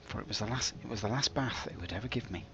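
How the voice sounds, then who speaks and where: A man's voice: on the low side, racing, vocal fry, a bit bright, highs cut off. A man voicing a wistful son in melodramatic, mock-literary narration during a game video. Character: wistful, melodramatic son reminiscing about Father.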